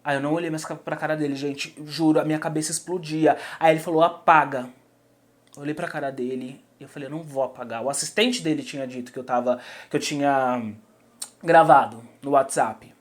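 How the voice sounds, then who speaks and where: A young man, telling a personal story to his viewers in an animated, emphatic way and speaking straight to them. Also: fairly high pitch, a little fast. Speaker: vlogger.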